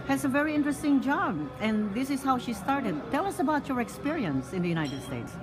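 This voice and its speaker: A woman's voice: sits high, very animated, brisk, music in the background. A woman, hosting a casual interview and prompting her guest with friendly follow-up questions.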